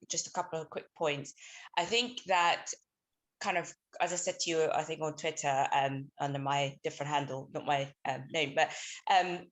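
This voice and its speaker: A woman in her thirties, from Somalia, speaks over a remote call with a low voice. She talks hesitantly, with many ums and restarts, as she puts her points to a book talk. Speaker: audience caller. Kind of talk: casual remote question.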